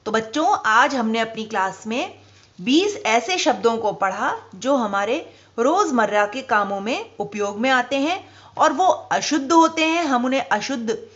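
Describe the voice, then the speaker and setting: A woman teacher giving a spelling lesson to children, speaking slowly and deliberately and stressing each example word. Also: on the high side, lo-fi sound.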